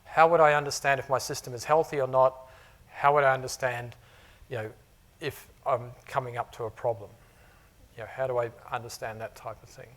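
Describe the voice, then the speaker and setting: This middle-aged technology architect, whose accent blends New Zealand and Australian, gives a conversational conference presentation to customers before a live audience in a conference room. His mid-range voice is steady, fairly quick and a bit bright, and he fills his speech with plenty of "you know"s and "uh"s.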